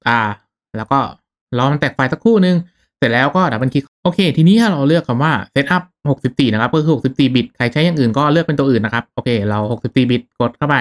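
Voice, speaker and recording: This casual software tutorial is led by a man at medium pitch, who politely explains every step in a teaching tone.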